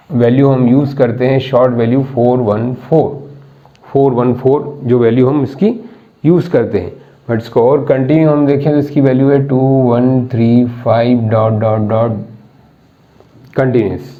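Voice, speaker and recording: A man teaching a maths class, mixing Indian-accented English terms into his explanation and often repeating key words and asking students questions. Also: medium pitch. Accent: Indian English mixed into Hindi. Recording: tinny phone-like audio.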